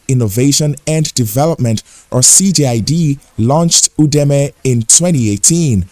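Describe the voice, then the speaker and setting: Man reading a measured news report. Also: mid-range voice, darkish tone, no echo. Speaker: news correspondent. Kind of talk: scripted news report narration.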